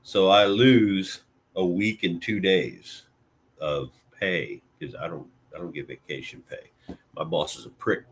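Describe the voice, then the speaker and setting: Deep-voiced and measured in pace, he speaks over slight background noise. The speaker is a man from Illinois, USA, relaxed and rambling as he chats with live viewers, using lots of fillers and some mild swearing.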